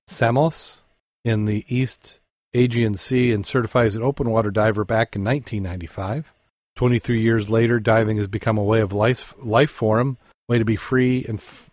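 A man co-hosting a podcast, reading dive news articles aloud and chatting, halting with fillers and self-corrections. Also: fairly low pitch, dry recording, clean studio sound. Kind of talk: casual news reading and chat.

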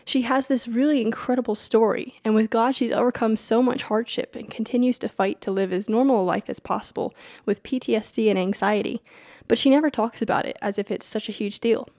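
A woman's voice: a little high, steady tone, fairly quick, darkish tone, dry recording, studio quality. A woman podcast host who reads her show's announcements and introduction, then chats with a guest, talking in a chatty way, apologizing and laughing easily. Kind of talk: scripted podcast intro and casual interview.

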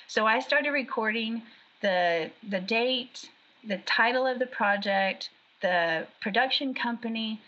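A woman, an actress and background artist, chatting in an interview in an animated way with quick restarts. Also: on the high side. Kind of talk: casual interview chat. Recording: dull lo-fi audio.

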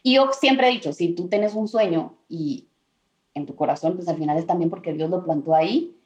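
A young Guatemalan woman, a singer-songwriter, telling stories in a casual interview, lively and sprinkling in English words. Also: on the low side, normal speed, muffled recording. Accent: Guatemalan Spanish. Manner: animated, mixes in English words. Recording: roomy echo.

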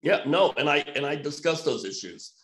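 A man's voice: fairly high pitch, animated, normal speed, fairly bright tone, reverberant. A man who works as an emergency physician, talking bluntly and emphatically as a guest in a podcast conversation.

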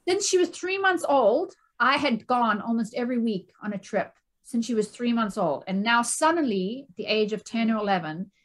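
Animated middle-aged woman coach. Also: a little high, moderate pace, few pauses. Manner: animated, repeats words, frequent "right?" tags. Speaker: stress and anxiety coach, guest. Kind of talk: casual interview conversation.

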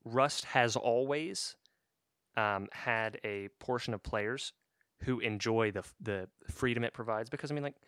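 A man's voice: mid-range voice, a little slow, fairly bright tone, clean tone, no room sound, clean studio sound. A man co-hosting a podcast, explaining at an easy pace with lots of ums and restarts. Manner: easygoing, explains at length with fillers and restarts. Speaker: podcast co-host. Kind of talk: casual gaming chat.

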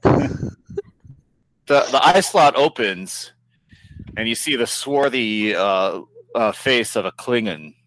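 Animated male game master, bright tone. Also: medium pitch, takes it slowly, long pauses. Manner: easygoing, laughs often. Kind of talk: narrating a tabletop game.

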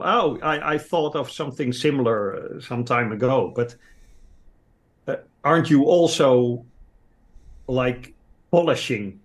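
A man from the Netherlands, a native Dutch speaker, talking English in a reflective casual chat, thinking aloud in halting pieces. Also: medium pitch.

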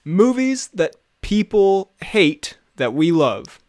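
A man's voice: sits high, big pitch swings, slow pace, a little mellow, dry recording, studio quality. A man co-hosting a podcast in casual chat, rambling and laughing often. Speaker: podcast co-host.

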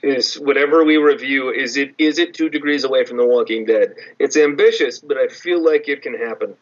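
A podcast co-host with a medium-pitched voice chats casually and briskly, rambling off into tangents. The recording has a dull, lo-fi sound.

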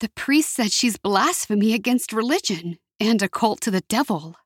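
A woman's voice: mid-range voice, expressive, moderate pace, husky, no room sound, clean studio sound. A woman voicing a frightened young student girl who talks in an anxious, pleading way. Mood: questioning.

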